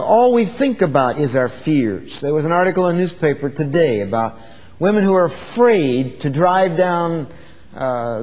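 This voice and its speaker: A man delivers an earnest, conversational sermon, pressing his listeners with rhetorical questions. His voice sits high and moves a lot in pitch. A long reverb trails behind him, as in a big hall. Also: darkish tone. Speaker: pastor.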